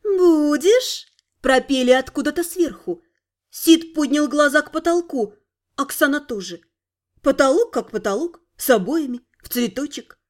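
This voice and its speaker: A woman narrating an audiobook in a high voice. She reads with lively, ironic storytelling and a scripted, even delivery. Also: normal speed.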